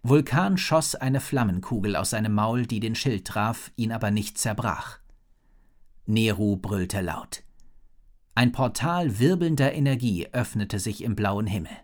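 Lively man narrating a children's story. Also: fairly low pitch, unhurried. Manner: lively, expressive reading. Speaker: audiobook narrator.

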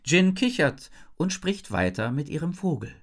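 A woman narrating a children's story in the first person, with expressive storytelling. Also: deep voice, normal speed. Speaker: audiobook narrator.

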